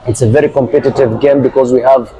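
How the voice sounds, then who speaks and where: A middle-aged Ugandan man who directs a football club answers interview questions, often pausing with hesitant fillers. His voice is medium in pitch, steady and mellow, and the recording sounds muffled.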